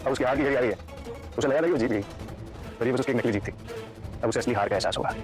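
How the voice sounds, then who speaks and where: A man's voice: mid-range voice, rapid-fire, lightly acted. An actor playing a smug, vengeful husband plotting against his wife in a melodramatic drama. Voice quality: smug, gloating. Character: scheming vengeful husband, middle-aged villain. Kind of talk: melodramatic web-series acting. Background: background music.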